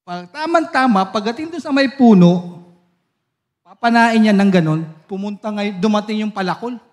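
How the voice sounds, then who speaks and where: A male pastor with a high-sitting voice preaches at a church service at a moderate pace. He tells lively stories, laughs often, and asks the congregation for amens.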